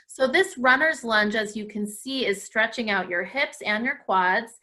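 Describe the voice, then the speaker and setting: Speaking a little slowly in a slightly high, pushed and bright voice, a woman hosts a live dance-class stretching session for children watching from home. She keeps things encouraging and offers frequent praise.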